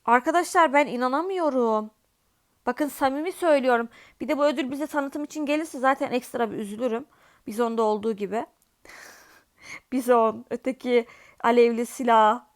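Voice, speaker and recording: A woman's voice: fairly high pitch, moderate pace. A young woman with a Turkish accent giving casual commentary on a mobile game, dramatic, pleading and exclaiming as she spends in-game currency. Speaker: gaming YouTuber.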